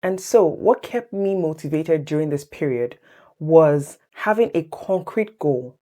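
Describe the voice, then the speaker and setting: A low-voiced woman with a warm tone speaks a little slowly as she tells a personal exam story to camera. A native English speaker and vlogger sharing exam tips, she's chatty and animated, laughs easily, and refers to viewers as "guys."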